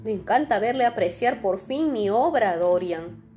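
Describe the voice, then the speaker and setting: A woman voicing an earnest, wounded male painter who speaks gently and reproachfully in a storybook reading. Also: mid-range voice, lively intonation, moderate pace, soft background music, lightly acted.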